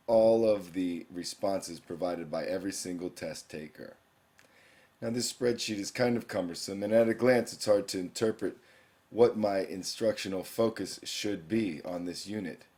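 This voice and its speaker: In a screencast walkthrough, a young male teacher moves through an online course page by page, reading each question aloud. His voice is low-pitched and mellow.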